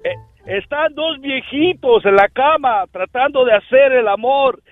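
A man's voice: very high-pitched, a little slow, no echo, soft background music. A man calling in to tell crude jokes, brash and foul-mouthed. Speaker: regular joke-telling caller. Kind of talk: crude joke telling on radio. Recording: tinny phone line, dry.

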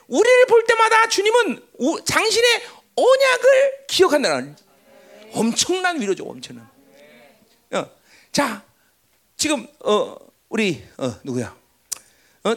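A woman pastor delivers a sermon in a very high voice that leaps all over the place. She talks to the congregation like a chat, teasing them and checking in with "right?" after nearly every point. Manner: lively and conversational, joking with listeners.

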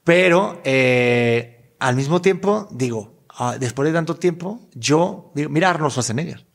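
A man's voice: fairly high pitch, animated, a little slow, gravelly. A man from Spain with a Spanish accent, an actor guest in a casual podcast chat, rambling, swearing freely and mocking himself. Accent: Spanish from Spain, mixed with Mexican slang.

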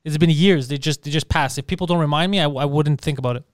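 A man in his thirties, chatting casually on a podcast, profane and animated. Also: a little high, quick pace, no echo, clean studio sound. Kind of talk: casual chat.

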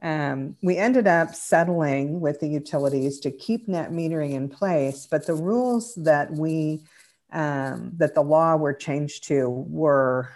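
A woman speaking as a guest on a podcast, explaining energy policy in a measured way with frequent ums and restarts. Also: low voice, darkish tone. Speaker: clean energy advocate guest. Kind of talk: casual podcast interview.

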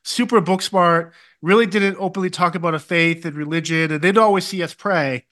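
A man's voice: high-pitched, fairly quick, sharp tone. A man co-hosting a podcast, telling a personal story in casual, emphatic, colloquial speech. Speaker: podcast co-host.

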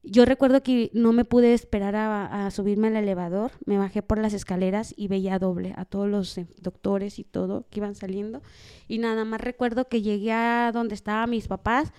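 A woman's voice: mid-range voice, steady tone, normal speed, dark tone, clean tone. A woman from Mexico, a podcast guest, telling an emotional family story in casual conversation and retelling what people said.

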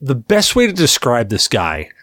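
A man's voice: medium pitch, wildly swooping pitch, normal speed, fairly bright tone, dry recording. A man in his forties talks in a mid-range voice, loose and rambling as he tells a story on a casual podcast. He swears freely. The sound is close and dry, with no room around it. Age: 40s. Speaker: podcast host.

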